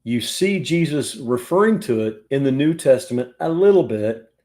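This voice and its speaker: A man teaches a Bible study from a room in his house and speaks to his class over a video call. His voice is mellow and warm, at a middle pitch. He talks casually and often restarts his sentences. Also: animated, normal speed. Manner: conversational, with restarts and asides.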